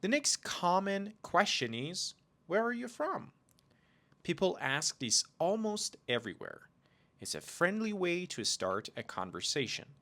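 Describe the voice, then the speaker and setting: A man teaching English on a podcast, talking slowly and with care. His pitch moves up and down a lot, and his voice has a bright edge. He stretches out the example phrases so learners can follow. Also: very animated. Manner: slow, careful delivery with drawn-out example phrases. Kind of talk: scripted lesson narration.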